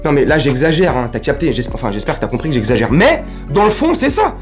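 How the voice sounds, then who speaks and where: A man hosting a football fan vlog, ranting casually in street slang and breaking into loud outbursts and jokes. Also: on the high side, fast talker, faint music behind. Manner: animated, slangy, bursts into shouting and laughs. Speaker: football fan channel host.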